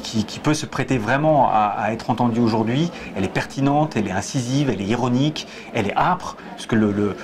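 Seated in a theatre auditorium box seat with a lapel mic, a man in his forties who works as a stage director gives thoughtful interview answers in a mid-range voice. He hesitates, starts over repeatedly, and gestures while talking, as busy crowd chatter fills the background.

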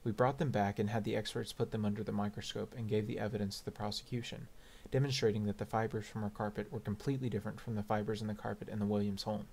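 A man narrating an audiobook in a measured, steady reading. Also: fairly low pitch, vocal fry, slightly rough. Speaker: audiobook reader.

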